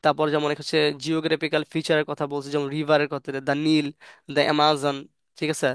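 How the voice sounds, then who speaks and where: A man teaches English grammar in a loose, thinking-aloud way. He reads example sentences slowly and then rushes through the explanations. His voice sits a little high, smooth and clear, in a dry, close recording. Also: completely flat delivery, no echo. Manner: many fillers and restarts, thinks aloud. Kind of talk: casual grammar lesson.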